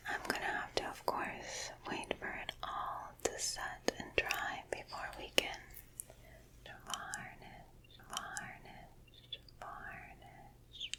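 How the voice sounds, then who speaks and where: Lady doing whispered role-play as an art painter, super slow, soft and soothing right in your ear, close binaural mic. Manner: gentle, soothing, repeats words slowly. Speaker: ASMR painter guiding a portrait sitter. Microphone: close binaural microphone.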